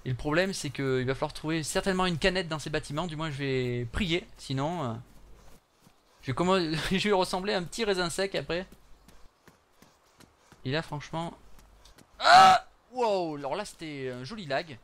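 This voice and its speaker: A man's voice: a little high, normal speed, a bit bright. A young man chatting through his gameplay for viewers, with joking asides. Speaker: gaming channel host. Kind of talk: live gameplay commentary.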